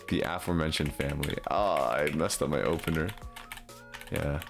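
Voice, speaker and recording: A young man with a creaky bass voice streams a game, chatting casually, poking fun at himself and laughing often in casual live gameplay commentary.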